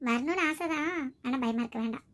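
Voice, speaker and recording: A woman performing several village characters in a comedy skit, bantering and scolding quickly. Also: high voice, fairly bright tone. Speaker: sketch performer.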